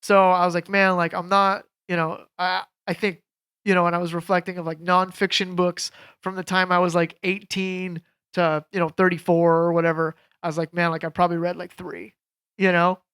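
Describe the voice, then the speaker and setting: A man in his thirties, a guest on a podcast, telling casual stories in a rambling, animated way with lots of fillers. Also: high-pitched, normal speed, smooth. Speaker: podcast guest, jiu jitsu coach. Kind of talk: casual storytelling chat.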